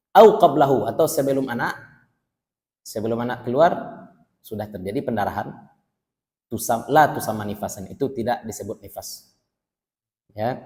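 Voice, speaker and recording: A man leads a religious text study, his voice at an ordinary middle pitch. He reads Arabic lines aloud, translates them phrase by phrase and breaks off for casual remarks to his students. His voice rings with the long reverb of a large hall. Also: a little mellow. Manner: reads Arabic text then translates line by line, conversational asides. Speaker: Islamic teacher. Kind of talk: religious book study lecture.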